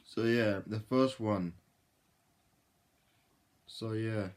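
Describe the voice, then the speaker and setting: A man hosting a casual reaction video, rambling with repeated filler phrases, swearing freely and breaking into sudden loud outbursts. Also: on the low side, extremely slow.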